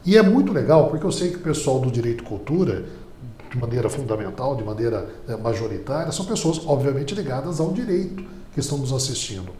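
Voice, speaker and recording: Animated Brazilian man lecturing. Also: mid-range voice, fast talker, a little hiss or hum. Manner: animated, lively lecturing delivery. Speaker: public speaking teacher guest. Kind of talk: explanatory podcast interview. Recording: roomy studio echo.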